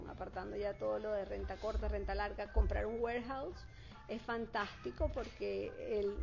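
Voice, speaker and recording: Her voice is medium in pitch, darkish, and marked by vocal fry. This Florida-based real estate consultant, whose first language is Spanish, answers an interviewer fluently while often pausing on fillers and restarting sentences, and the recording sounds dull and lo-fi.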